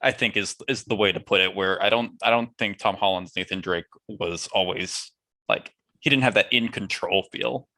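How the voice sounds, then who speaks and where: A podcast co-host with a deep, pushed, bright voice talks at normal speed in a casual movie discussion. His phrasing is hesitant and full of hedges.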